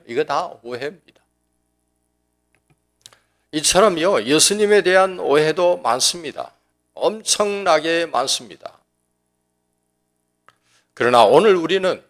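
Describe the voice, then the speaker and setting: Joking, folksy man preaching a sermon. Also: fairly high pitch. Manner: folksy and joking, acting out dialect quotes; conversational with frequent restarts. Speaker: pastor.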